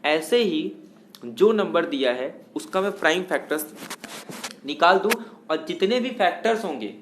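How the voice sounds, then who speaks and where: A man with a fairly high voice teaches math in a patient, step-by-step lecture. He poses questions to the class and answers them himself, mixing English terms into his speech. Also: lively intonation, moderate pace, background noise. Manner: explains step by step, asks and answers own questions.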